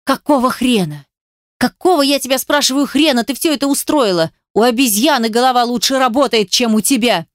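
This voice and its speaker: A woman reading aloud and voicing a furious young man who yells and snarls. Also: lowish voice, steady tone, fast talker, few pauses, no echo, studio quality, natural voice. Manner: yelling, snarling.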